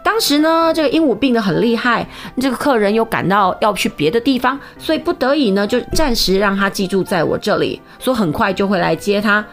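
A woman's voice: medium pitch, lively intonation, brisk, hardly any pauses, faint music behind, natural voice. Mild chatty storybook host guy explaining stuff, lady reader doing him. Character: host man explaining his guest maid, mild.

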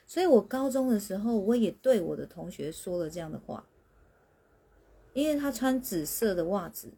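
A woman, a spiritual teacher on a livestream, explaining patiently as her phrases trail off softly. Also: mid-range voice, expressive, normal speed, creaky, slightly rough. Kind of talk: livestreamed talk answering questions.

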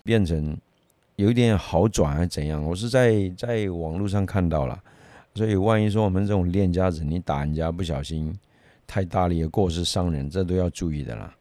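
Middle-aged man from Myanmar, martial arts teacher; deep voice, casual anecdotal chat, dry close sound. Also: fairly quick, no echo. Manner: lively anecdotal, chuckles often, many fillers. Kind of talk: casual storytelling.

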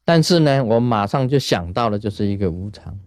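A man from Taiwan, giving a casual Buddhist talk in a lively storytelling way and chuckling at his own jokes. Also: on the low side, brisk, dry recording, studio quality. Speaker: Buddhist teacher.

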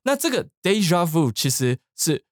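A man's voice: fairly high pitch, sing-song, normal speed, dry recording, studio quality. A man co-hosting a podcast lesson, patiently explaining English words, spelling them letter by letter, with joking asides. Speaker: English teacher and podcast co-host. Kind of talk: bilingual language lesson chat.

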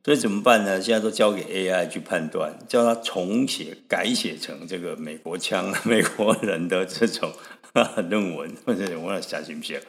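A deep-voiced man from Taiwan hosts a radio program, his low tone carrying a gravelly fry. He rambles through his stories in a relaxed, chatty way, dotting sentences with little tag words and chuckles. The voice sits in a long, hanging reverb. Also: normal speed. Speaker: radio host. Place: radio studio.

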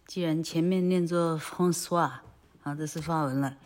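Slow, low-voiced woman teacher. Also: steady tone, a little mellow. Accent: Taiwanese Mandarin. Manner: chatty, frequent filler "ha", self-correcting; spells out words letter by letter. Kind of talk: casual lesson on a picture book.

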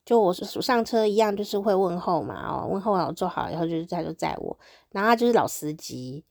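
A Taiwanese Mandarin-accented woman hosts her own podcast, telling everyday stories casually, chattily and with easy amusement. She speaks fast in a fairly low, creaky, darkish voice full of lively intonation. The recording is studio quality with no room sound.

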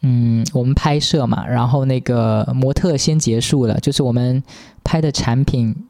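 A man telling a story as a podcast host in a casual monologue, exasperated and animated as he retells it. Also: mid-range voice, normal speed, creaky.

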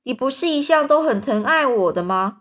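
A woman's voice: on the high side, normal speed, a bit bright, natural voice. A woman voicing an innocent young daughter who pleads tearfully with her father in a storybook reading. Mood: pleading.

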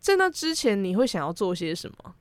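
A woman's voice: medium pitch, sing-song, brisk, clear, resonant tone, no room sound. A young adult woman with a Taiwanese Mandarin accent, co-hosting a podcast in casual chat. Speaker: podcast co-host. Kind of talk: casual chat about anime and pop culture.

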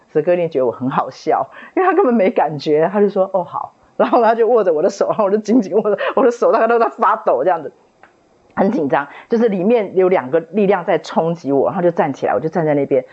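A woman's voice: fairly low pitch, animated, fast talker, slightly rough. A middle-aged woman sharing a personal faith testimony at a book club, retelling it dramatically with many fillers. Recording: dull lo-fi recording.

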